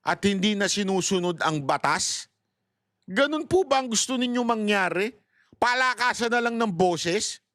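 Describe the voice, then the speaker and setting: A man's voice: sits high, fairly bright tone, dry recording, clean studio sound. A male vlogger giving mocking, sarcastic political commentary, laughing often and taunting his opponents.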